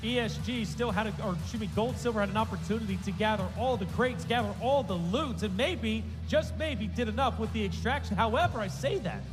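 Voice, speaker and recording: A man with a high voice casts esports live, mixing excited calls with analysis. He lands key phrases emphatically, with music behind him and a long hall echo on the sound. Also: a little fast, hardly any pauses.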